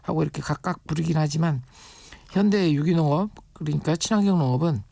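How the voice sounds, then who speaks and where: A man's voice: fairly high pitch, brisk, creaky, warm tone. A man on a radio show, a guest expert on urban farming, explaining patiently with everyday comparisons. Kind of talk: radio interview.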